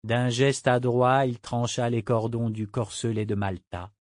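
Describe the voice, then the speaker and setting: Casting: male audiobook narrator, measured and expressive, dead-dry studio sound. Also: medium pitch, no echo. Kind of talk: scripted narration.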